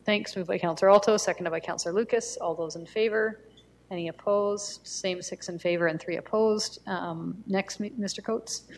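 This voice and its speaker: A woman chairing a council meeting, running motions and votes in a brisk procedural way with some fillers. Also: medium pitch, fairly even intonation. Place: council chamber. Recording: long reverb, faint room noise, council chamber.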